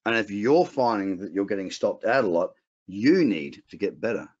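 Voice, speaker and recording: A man's voice: lowish voice, animated, moderate pace. Blunt Australian man teaching, lo-fi audio. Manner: rambling, blunt, frequent restarts. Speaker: trading educator. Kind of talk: casual webinar teaching. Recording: dull lo-fi webinar audio.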